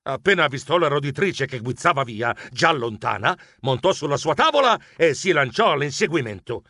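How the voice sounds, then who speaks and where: A man's voice: on the high side, sing-song, normal speed, sharp tone, no room sound, clean studio sound. A man narrating a children's story in first person as an anxious, clumsy male mouse, stammering and melodramatic. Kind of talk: expressive audiobook narration.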